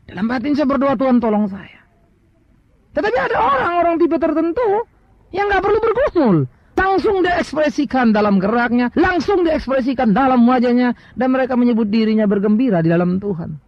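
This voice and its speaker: Middle-aged male pastor, Indonesian accent, very high gravelly voice, storytelling sermon, dry lo-fi recording. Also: no room sound. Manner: storytelling with rhetorical questions and English asides. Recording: dry, dull lo-fi sound.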